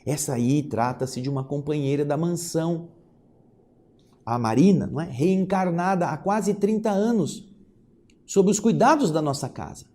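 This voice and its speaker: A man voicing a calm spirit guide. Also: on the high side, normal speed, natural voice.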